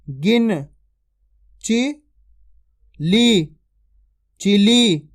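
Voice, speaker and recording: A man's voice: high voice, a little mellow. A man teaching beginners to read and write Hindi, patiently sounding out each syllable, repeating words and asking the listener questions. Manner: draws out syllables and stresses sounds when spelling. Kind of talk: slow spelling lesson for beginners.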